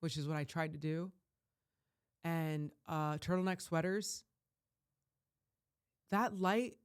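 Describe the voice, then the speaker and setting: Impassioned ranting woman vlogger. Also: a little high. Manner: emphatic, ranting, surging to loud peaks; rambling with frequent restarts. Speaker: life coach. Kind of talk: impassioned vlog monologue.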